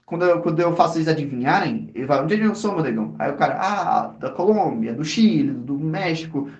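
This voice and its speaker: A Brazilian man with a Brazilian Portuguese accent co-hosts a podcast, chatting casually in slang with many restarts. His voice is on the high side, animated, and fast. The audio sounds dull, and the room is echoey.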